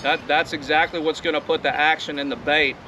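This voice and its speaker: A man's voice: a little high, flat delivery, a little fast, pushed and bright, recorded from a distance, muffled recording. A middle-aged American man giving a casual, colloquial outdoor fishing demonstration, often saying "you know". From northern United States. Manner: laid-back, colloquial, repeats "you know". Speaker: angler demonstrating techniques. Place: outdoors in wind. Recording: windy outdoor recording with noise. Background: wind.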